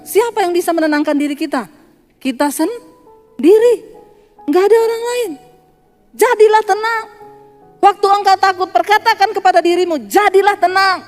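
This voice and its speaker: Woman pastor, high voice, sermon storytelling, long hall reverb, faint music. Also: darkish tone. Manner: storytelling, acting out dialogue with laughter.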